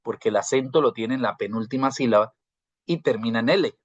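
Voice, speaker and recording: A man's voice: mid-range voice, fairly quick, breathy edge, no room sound. Man teaching over a video call. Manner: asks rhetorical questions and checks in with "¿cierto?"; repeats and restarts words while explaining. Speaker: university teacher. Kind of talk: live online grammar lecture. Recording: dry, slightly dull video call audio.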